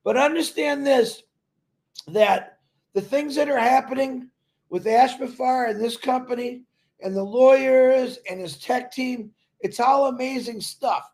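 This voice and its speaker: A man giving a loud, emphatic motivational talk to company members, telling folksy stories and repeating himself. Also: very high-pitched, unhurried. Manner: loud and emphatic, calls himself a big mouth; repetitive, folksy storytelling. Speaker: company promoter speaking to members.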